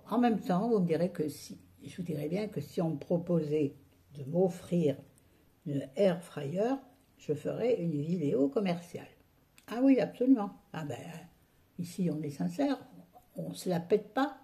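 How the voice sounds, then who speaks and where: Gravelly low-voiced woman ranting. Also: warm tone. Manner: grumbling, exasperated ranting with colloquial asides. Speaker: vlogger. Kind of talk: casual vlog chat to viewers. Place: at home.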